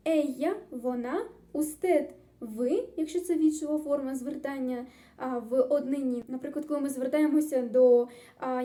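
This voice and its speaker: A woman's voice: sits high, mellow. A woman tutor teaching a grammar lesson, explaining step by step in an upbeat, encouraging way. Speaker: Spanish tutor.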